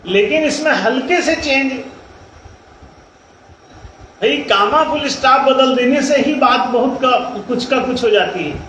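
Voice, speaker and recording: A man's voice: very high-pitched, moderate pace, fairly bright tone. A man, a spiritual teacher, giving an emphatic, explanatory discourse that repeats phrases for effect. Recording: echoey room, faint noise.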